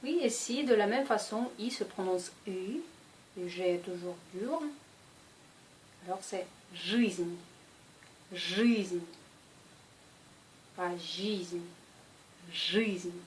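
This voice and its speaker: A woman teaching a language lesson, speaking slowly and deliberately and repeating each example word. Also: medium pitch, slight background noise, rough recording.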